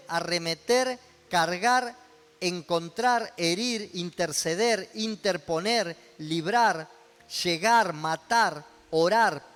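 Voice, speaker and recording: A man's voice: high-pitched, a bit bright, big-room sound. A male pastor with a Rioplatense Spanish accent, preaching a sermon and putting questions to the congregation. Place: church hall.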